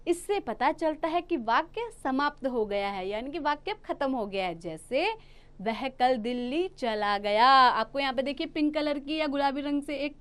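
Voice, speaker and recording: A young adult woman teacher giving a recorded grammar lesson to young children, asking them questions and answering them herself. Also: sits high.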